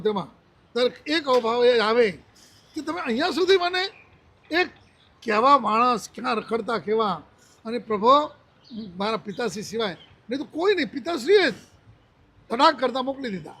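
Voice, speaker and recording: A man's voice: extremely high pitch, sharp tone, husky. A man in his seventies, a monk giving a religious discourse, telling a personal story and acting out the dialogue he quotes. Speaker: Jain monk.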